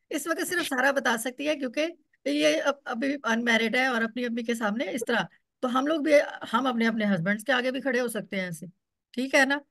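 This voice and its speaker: A woman's voice: sits high, normal speed, a bit bright, dry recording, clean studio sound. A woman teaching a class, explaining step by step and repeating words so students can follow. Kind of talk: online Quran Arabic class.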